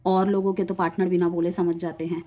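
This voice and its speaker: Female tarot reader, lowish pitch, chatty explainer who speaks directly to viewers. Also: level tone, fast talker, warm tone. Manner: explanatory, addresses viewers directly, drifts between Hindi and English. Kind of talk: collective tarot reading.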